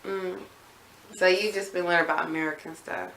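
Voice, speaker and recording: A woman asks a steady run of casual, probing questions, teasing a little as she follows up. Her voice sits low with a gravelly edge. It echoes around a roomy space over a faint background hiss. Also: fairly quick. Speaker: interviewer. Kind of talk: casual one-on-one interview.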